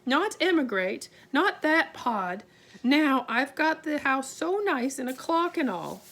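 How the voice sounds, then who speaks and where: A woman's voice: high voice, sing-song, slow, fairly bright tone, heavily acted. A woman reading aloud and voicing a tiny, anxious borrower housewife who frets, exclaims and pleads. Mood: fretful. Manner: fretful, exclaiming, tearful pleading. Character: tiny borrower housewife, middle-aged, anxious, easily alarmed.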